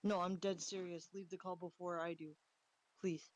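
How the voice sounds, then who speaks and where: A man's voice: high voice, little pitch movement, normal speed, no echo. A man on a voice call during a game, talking in an insistent, urgent way.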